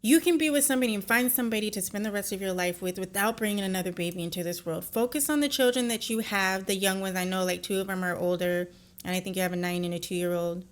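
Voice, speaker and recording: A woman with a mid-range voice and quick pace hosts a reaction video. Her casual commentary is blunt and opinionated, frequently sliding into lecturing.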